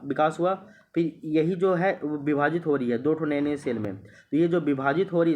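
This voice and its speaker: A man teaching an exam-prep lecture, explaining step by step, repeating himself and checking that students understand. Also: on the high side. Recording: muffled lo-fi recording.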